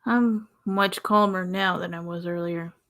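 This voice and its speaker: A young woman from the American South hosting her own podcast in a casual, rambling way, pausing often and sighing. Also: on the low side, steady tone, a bit bright. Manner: rambling, pauses often, sighs. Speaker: podcast host. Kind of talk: casual solo podcast talk.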